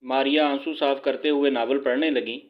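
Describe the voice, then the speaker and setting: A man narrating a scripted story in a steady, even reading. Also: mid-range voice, lo-fi sound.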